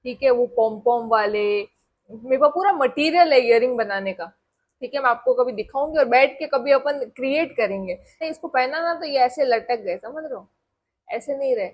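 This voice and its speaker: Chatty young woman vlogger, husky voice. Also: high-pitched, expressive, moderate pace. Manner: chatty, rambling, addresses viewers as guys. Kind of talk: casual chat to camera.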